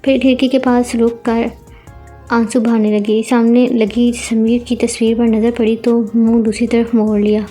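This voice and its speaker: Woman narrator for a romance audiobook, slightly high, steady, mellow voice. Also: moderate pace, soft background music. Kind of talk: scripted novel narration.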